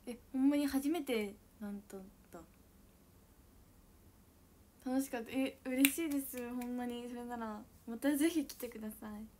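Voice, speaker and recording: A young woman with a high, bright voice and a chats casually with viewers on her livestream. She is bubbly and giggly, and she talks loudly. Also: normal speed, slight background noise. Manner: giggly, bubbly, frequent laughter; self-describedly loud voice. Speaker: idol livestreamer. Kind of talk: casual chat reading viewer comments.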